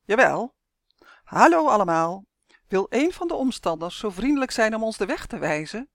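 A woman's voice: mid-range voice, big pitch swings, normal speed, dry recording, studio quality. A woman voicing a cheeky, cheerful male elf who looks like a duck, in a storybook reading. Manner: upbeat, teasing.

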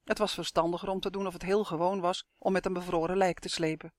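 The voice is a calm, controlled audiobook reader at medium pitch, recounting a suspense story in first person. It's recorded up close in a dry room with no reverb at all.

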